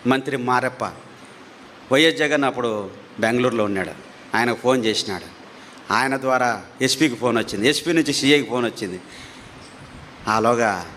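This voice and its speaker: A man preaching his testimony as a story, animated, his pitch climbing at tense moments, repeating phrases for emphasis. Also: slight background noise.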